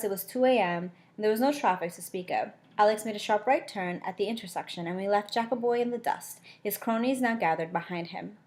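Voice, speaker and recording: A woman reading a novel aloud in a chatty, casual way, stopping now and then for quick comments on the text. Her voice sits at an ordinary middle pitch for a woman. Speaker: audiobook reader.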